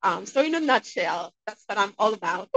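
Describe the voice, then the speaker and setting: A woman from Haiti with a Haitian accent, a dentist being interviewed, talking in an upbeat, expressive way. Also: medium pitch, normal speed, dull audio. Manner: upbeat, expressive, acts out quotes. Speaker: guest dentist. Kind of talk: interview conversation.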